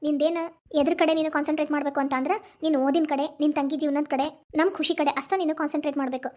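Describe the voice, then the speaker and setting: A woman's voice: high voice, little pitch movement, rapid-fire, darkish tone, natural voice. A woman voicing a tearful, protective mother in a cartoon, with a North Karnataka Kannada accent. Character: grieving mother reunited with her son. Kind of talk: cartoon voice acting.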